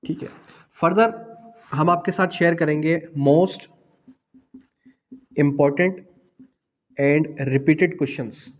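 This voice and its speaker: This man lectures exam students on law with a Pakistani accent, drawing out his words and pausing often in a fairly high voice. He poses questions, answers them, and mixes in English phrases; the audio has the highs cut off and a long, hall-like reverb.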